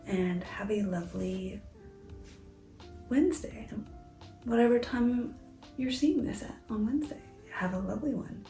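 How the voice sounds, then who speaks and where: Brief: woman vlogger, hushed half-whisper, rambling casual chat, mellow gravelly voice. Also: a little high, a little slow, long pauses, echoey room, soft background music, poor audio. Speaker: crafting vlogger. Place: home, indoors.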